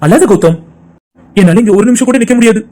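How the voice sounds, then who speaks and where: A man's voice: high voice, quick pace, warm tone, natural voice. A man voicing a heartbroken young lover in a cartoon, sorrowful and subdued. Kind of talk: cartoon voice acting.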